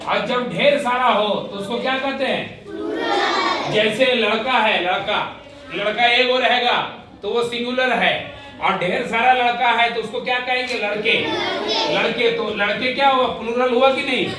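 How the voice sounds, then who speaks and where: A man's voice: extremely high pitch, normal speed, loud music behind the voice. A man teaching a grammar lesson, who asks questions and answers them himself and repeats each point. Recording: echoey room, voice from a distance.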